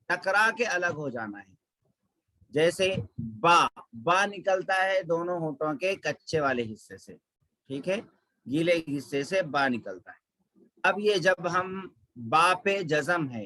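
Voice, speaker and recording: A man's voice: a little high, bright, forceful tone, dry recording, low-quality recording. A man teaching Quran recitation, patiently repeating syllables to show each sound. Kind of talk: slow tajweed lesson with drilled examples.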